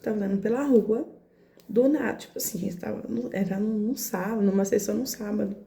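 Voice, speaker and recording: A woman's voice: mid-range voice, steady tone, brisk, creaky, warm tone, roomy sound. A woman with a São Paulo–area Brazilian accent telling a personal story on her vlog, emotional and hesitant, often repeating words. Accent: Brazilian Portuguese, São Paulo area. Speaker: astrology vlogger.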